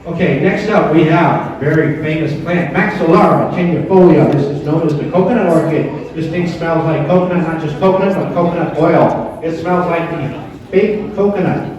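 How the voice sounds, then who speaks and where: A man with a high-pitched voice runs a live auction. He is informal and chatty, repeating bids and describing each lot. He is heard at some distance from the microphone, in a heavily reverberant room. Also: moderate pace, darkish tone, lo-fi sound.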